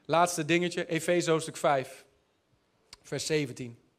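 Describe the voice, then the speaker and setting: High-voiced preacher telling stories. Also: male voice, slow. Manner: storytelling, jokey asides, repeats words when searching. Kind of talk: sermon.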